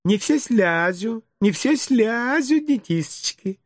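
A man reading an audiobook voices a sugary, condescending kindergarten teacher who talks slowly and in a drawn-out, cooing way. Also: very high voice, lively intonation, dry recording, studio quality, pitched above the performer's own voice, heavily acted. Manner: slow, cooing, drawn-out speech.

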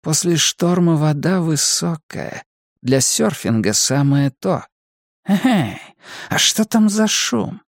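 Audiobook, male reader as a worried slow-talking man, anxious. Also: a little high, animated, vocal fry, no echo, studio quality, voice pushed up, heavily acted. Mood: uneasy.

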